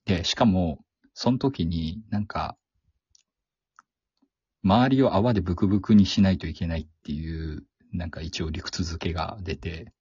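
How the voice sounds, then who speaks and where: A man hosts a podcast, chatting casually and often acting out quoted reactions in a low, very husky voice. The recording is dry, with no room sound, and dull in a lo-fi way. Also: normal speed, darkish tone, dry recording. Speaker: podcast host. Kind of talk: casual chat about a film.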